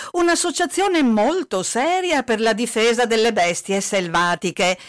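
A woman's voice: a little high, a bit bright, no echo, studio quality. A woman voicing a fussy, doting old grandmother in a comic radio play, scolding and coddling. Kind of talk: comic radio-drama acting.

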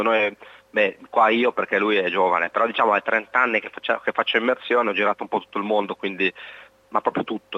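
A man's voice: mid-range voice, dry recording. A middle-aged man speaking as a guest in a phone-in radio interview, heard over a phone line, explaining earnestly with many hesitant fillers.

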